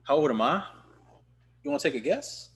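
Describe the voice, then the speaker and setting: A man's voice: a little high, lively intonation, a little fast. A man in his twenties, a guest on a casual podcast, laid-back with short replies and laughter. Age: 20s. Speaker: guest video producer.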